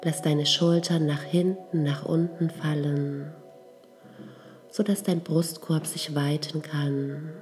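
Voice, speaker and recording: A woman with a low, mellow voice guides a meditation, speaking slowly and softly. Her tone stays calm and unhurried throughout, with faint music beneath her. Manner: slow, soft, calm instructions.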